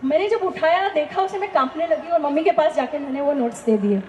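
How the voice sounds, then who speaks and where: A woman's voice: sits high, a little fast, reverberant, muffled recording, slight background noise. A woman telling a personal faith testimony in an earnest, emphatic way, often asking rhetorical questions. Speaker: testimony speaker.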